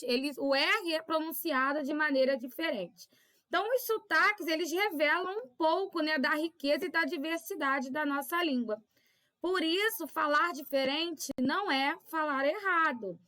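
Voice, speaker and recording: High bright-voiced carioca woman teacher. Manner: patient, keeps checking in with tag questions. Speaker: primary school teacher. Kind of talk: recorded remote lesson for children.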